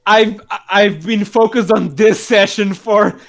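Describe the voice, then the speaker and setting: A player chatting casually, halting and self-mocking. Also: medium pitch, soft background music. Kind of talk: casual chat between role-play scenes.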